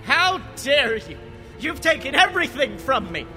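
A man voicing a power-hungry male villain who rants in a shrill, furious voice. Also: expressive, a little slow, bright, forceful tone, soft background music, full character voice.

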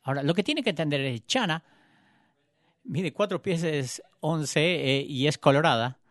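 A man preaching to a congregation with a fairly high-pitched voice. He tells his story dramatically, climbing to loud urgent bursts and then dropping to a hush. The sound is dry and close, with no room echo. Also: expressive, unhurried. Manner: dramatic storytelling, swings between loud and hushed. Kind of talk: sermon.

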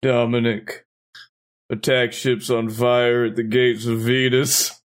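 A man's voice: mid-range voice, little pitch movement, slow, voice pushed down, natural voice. A man voicing a brooding evil clone giving a solemn dying speech in comedic improv. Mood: mock solemn.

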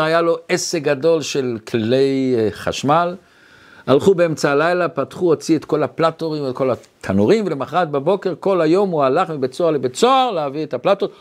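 A male rabbi telling a story in a talk, acting out the quotes as he goes. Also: fairly high pitch. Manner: animated storytelling with acted quotes.

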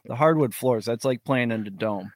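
A man's voice: mid-range voice, moderate pace, dry recording, clean studio sound. A man co-hosting a sports betting podcast in casual, conversational talk. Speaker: podcast co-host, sports bettor.

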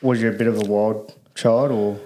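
A man's voice: on the low side, fairly even intonation, normal speed, dark tone. A man casually interviewing someone, asking personal questions in an informal way.

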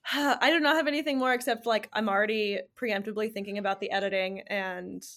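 A woman's voice: medium pitch, fairly even intonation, brisk, fairly bright tone. A woman co-hosting a casual podcast, joking with bawdy, self-mocking humor and laughing often. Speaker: podcast co-host. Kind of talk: casual chat.

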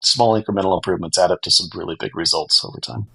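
A man's voice: sits low, rapid-fire, gravelly, a bit bright, husky, rough recording. A man speaking as an expert podcast guest, explaining things earnestly and conversationally. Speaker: podcast guest, company co-founder.

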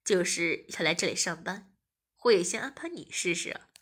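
Brief: assured male boss, read by a woman, lowered and lively. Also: normal speed, husky. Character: confident male first-person narrator, a boss.

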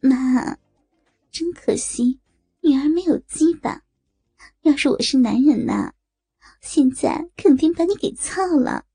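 A woman's voice: high voice, big pitch swings, takes it slowly, pauses often, warm tone, dry recording, full character voice. A woman voicing a bold young adult daughter with a playful, teasing manner, in a told story.

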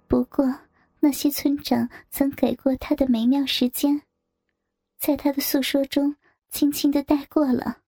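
A woman narrating an erotic story in a hushed, half-whispered reading. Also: sits high, level tone, measured pace, no echo, clean studio sound. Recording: faint background music.

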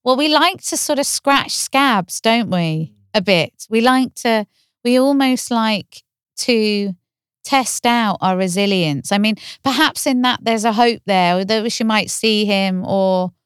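A woman therapist co-hosting a podcast, talking calmly and reflectively, often explaining through gentle questions. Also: fairly high pitch, takes it slowly, clean tone, no echo, studio quality. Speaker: therapist, co-host. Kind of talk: podcast conversation.

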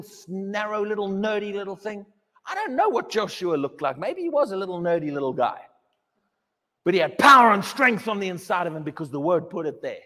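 A man's voice: high voice, a bit bright, in a large hall. A pastor preaching a sermon in a church, emphatic and questioning, often repeating his words.

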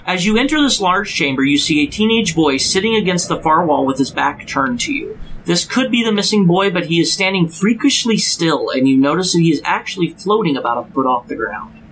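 A man running a tabletop game as dungeon master, describing scenes in a steady narrating voice with small fillers. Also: a little high, fairly quick, poor audio. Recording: faint background noise.

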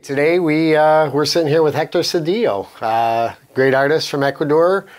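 A man's voice: on the high side, moderate pace, a little hiss or hum. A man hosting a tattoo podcast, reading the intro and then interviewing a longtime friend in a laid-back, friendly way. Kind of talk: casual interview chat.

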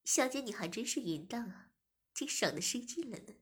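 A woman's voice: a little high, animated, normal speed, fairly bright tone, husky, full character voice. A woman voicing a smug, mocking shop owner in an audio story, speaking in a teasing, smirking way.

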